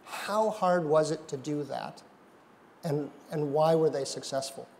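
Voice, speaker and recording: A man's slightly high voice rings through a reverberant hall with faint noise. He moderates an interview, laying out a summary before each probing question. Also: a little slow, vocal fry, a little mellow. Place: conference hall stage before an audience.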